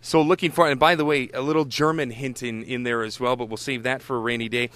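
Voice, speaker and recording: A man's voice: medium pitch, steady tone, fast talker, a bit bright, clear, resonant tone. A man interviewing ballplayers, asking joking, teasing questions in a casual chat.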